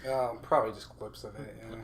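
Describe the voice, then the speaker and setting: A man casually chatting as podcast co-host, chuckling often and teasing with quick interjections. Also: fairly low pitch, fairly even intonation, a little hiss or hum.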